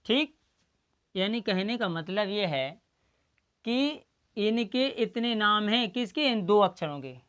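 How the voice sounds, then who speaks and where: A woman's voice: mid-range voice, expressive, takes it slowly, long pauses, a bit bright, smooth. A woman teaching Hindi pronunciation in a classroom style. She asks her own questions, answers them, and spells out the letter sounds one by one. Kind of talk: slow classroom-style lesson.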